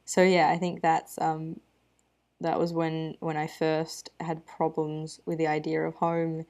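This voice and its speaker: A young woman telling a personal story to a webcam, hesitant and halting, full of fillers and restarts, with soft nervous laughs. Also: low voice, monotone. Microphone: computer webcam.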